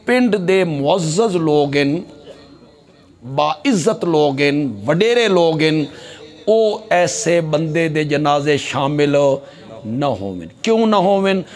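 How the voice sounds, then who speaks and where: A man preaching a sermon at a religious gathering, swinging between hushed asides and loud rising exhortation, full of rhetorical questions. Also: a little high. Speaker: Islamic scholar preaching. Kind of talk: fiery Punjabi sermon. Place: conference gathering.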